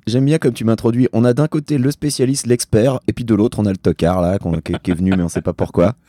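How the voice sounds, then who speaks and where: A tired man with a voice gone hoarse from yelling at karaoke, chatting casually and at length as a talk show guest with dry, self-deprecating humour. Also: lowish voice, fast talker, dry recording. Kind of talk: casual rambling chat.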